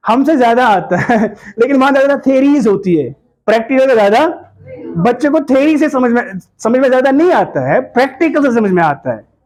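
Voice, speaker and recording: A man teaching pronunciation to a class, repeating words slowly in drills and checking whether the students follow. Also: very high-pitched, darkish tone.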